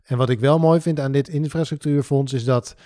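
A man's voice: mid-range voice, fairly even intonation, a little fast, dark tone, dry recording. Playful man, dry close sound. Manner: playful, laughs often. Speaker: podcast co-host. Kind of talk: casual podcast chat.

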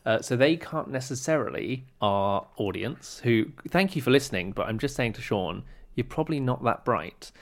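A man's voice: medium pitch, expressive, moderate pace, few pauses. A young man co-hosting a podcast, chatting casually in a wry, teasing, rambling way. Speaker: podcast co-host. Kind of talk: casual chat.

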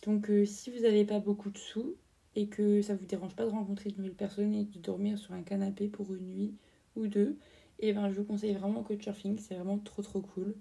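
Gravelly-voiced young woman telling a story. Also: medium pitch, little pitch movement, a little fast, mellow, far from the mic. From France. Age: 20s. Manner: chatty, lots of fillers and slang. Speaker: podcast host. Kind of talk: casual storytelling podcast.

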